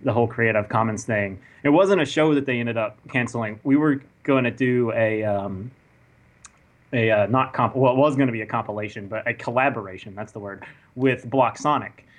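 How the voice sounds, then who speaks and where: A man's voice: medium pitch, moderate pace. A man in a casual podcast chat, carefully correcting his own words as he goes.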